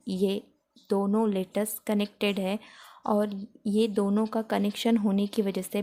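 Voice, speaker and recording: Slow woman drilling words. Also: medium pitch, a little mellow. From Maharashtra, India. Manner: slow, repeats each word several times to drill pronunciation. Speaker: English teacher. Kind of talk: spoken English lesson.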